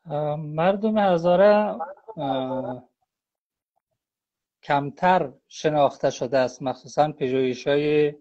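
A man, a guest scholar on a live online interview, explains at length in a halting way, often pausing on a drawn-out "uh". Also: on the high side, darkish tone. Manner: halting, with frequent drawn-out "uh" pauses. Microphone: phone or computer on a live video call. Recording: dull lo-fi livestream audio.

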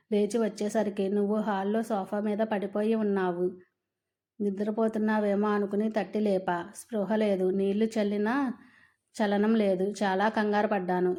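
A woman's voice: medium pitch, dark tone, close to an everyday voice. Remorseful old husband, read by a woman. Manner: contrite, pleading. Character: remorseful older husband pleading forgiveness.

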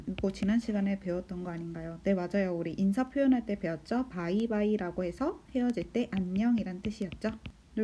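Woman, teacher, mellow tone, patient classroom explanation, counts beats slowly, faint background hiss. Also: mid-range voice. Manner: patient, asks the class questions and answers them herself. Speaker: Japanese teacher. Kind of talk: recorded school lesson explanation.

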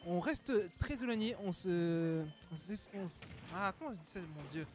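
A man's voice: high voice, lively intonation, normal speed. A man co-commentating a fighting game in a joking, playful, rambling way. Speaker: esports co-commentator.

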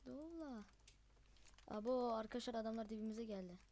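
A young gamer host giving live, chatty commentary over gameplay, excitable and quick to yelp in frustration. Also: mid-range voice.

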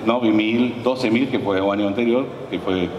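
A man with a somewhat low voice and an Argentine Spanish accent speaks Portuguese as a guest on stage, halting, restarting his sentences and dropping in Spanish words. He is heard from far off in a large conference hall, with a long echo and clear audience noise behind him. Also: fairly even intonation, a little mellow, lo-fi sound. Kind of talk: conversational stage interview. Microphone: handheld mic, far camera.

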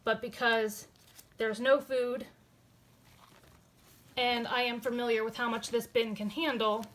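A chatty young woman with a fairly high voice talks through a casual how-to vlog indoors by her worm bins. She is slightly out of breath and fills pauses with ums as she explains each step. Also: flat delivery. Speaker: worm farming vlogger.

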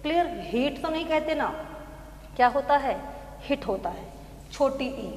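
A woman teaching a phonetics lesson, slowly repeating example words and asking "clear?" after almost every point. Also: high voice, expressive, a little hiss or hum. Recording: echoey hall with long reverb.

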